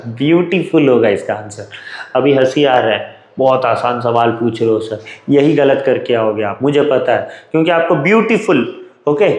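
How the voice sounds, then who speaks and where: A man's voice: mid-range voice, roomy sound, low-quality recording. A man with an Indian English accent, teaching an exam revision lesson in a chatty, joking way.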